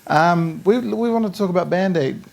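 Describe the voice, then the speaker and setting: A man's voice: high voice, normal speed, gravelly, darkish tone, slight background noise. A man presenting music news on a casual studio chat show, enthusiastic and often laughing. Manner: enthusiastic, laughs often, finishes others' sentences.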